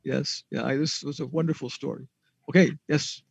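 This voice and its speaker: A man's voice: mid-range voice, steady tone, moderate pace, gravelly, slightly rough, lo-fi sound. A man answering students' questions in a casual class, rambling with many fillers and chuckles.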